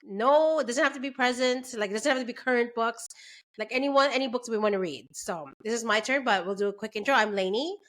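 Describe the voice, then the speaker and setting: A chatty young woman from Canada hosts a relaxed book club talk over a video call. Her voice sits a bit high, and she fills her speech with ums and quick laughs. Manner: chatty, laughs often, many fillers. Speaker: book club podcast host. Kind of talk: casual chat.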